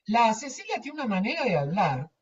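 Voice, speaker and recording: A man chats casually on a video call and wanders through his story while he gropes for names. His voice is husky and breathy. It comes across distant and dull, like muffled lo-fi call audio. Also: high-pitched, huge pitch swings, fairly quick. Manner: rambling, searches for words, anecdotal. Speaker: lecturer. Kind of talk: casual chat with a group.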